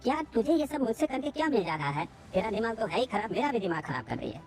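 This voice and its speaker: A woman's voice: on the high side, sing-song, quick pace, creaky, darkish tone, faint music behind. Upset young student girl, exasperated and pleading, as the narrator puts her on. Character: young college woman, upset, scolding.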